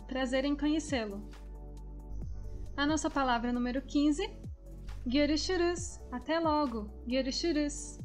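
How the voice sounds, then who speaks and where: A woman teaching a language lesson, explaining steadily and then sounding out words slowly, syllable by syllable. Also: high voice.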